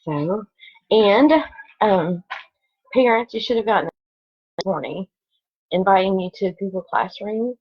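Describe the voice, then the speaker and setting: A second grade teacher reads aloud to children online in a lo-fi home recording, slipping chatty asides between expressively read story lines. Her voice is mid-range and husky, with a slow pace and long pauses.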